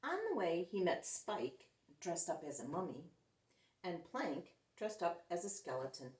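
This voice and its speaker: A woman storyteller with a lowish voice reads a picture book aloud to young children at a measured pace. She is expressive, acting out the characters and putting questions to her listeners. The microphone sits far off, and the room gives a roomy echo.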